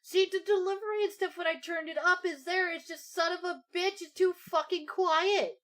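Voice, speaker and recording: A woman's voice: very high-pitched, steady tone, normal speed, crowd noise. A woman hosting a voice acting competition stream, blunt and swearing freely. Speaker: host. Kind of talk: casual livestream chat.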